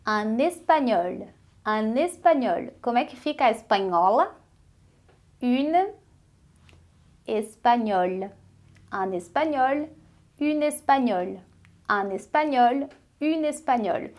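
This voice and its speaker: Woman teaching French, slightly high voice. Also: expressive, darkish tone. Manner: slow, carefully repeated French examples between casual Portuguese explanations. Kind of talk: online language lesson.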